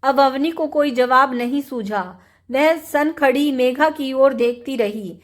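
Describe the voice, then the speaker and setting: High-voiced woman reading a story. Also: takes it slowly. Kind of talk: storybook narration.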